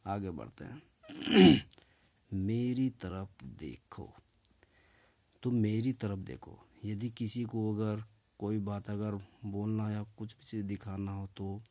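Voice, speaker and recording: A man hosting his own channel, teaching spoken English in a slow, deliberate way, repeating each phrase and often checking in with "okay". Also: lowish voice, a little mellow.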